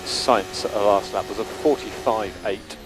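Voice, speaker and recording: A man's voice: lowish voice, moderate pace. A man working as a race engineer, giving clipped, matter-of-fact updates over team radio. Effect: team radio transmission. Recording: noisy team radio with car noise.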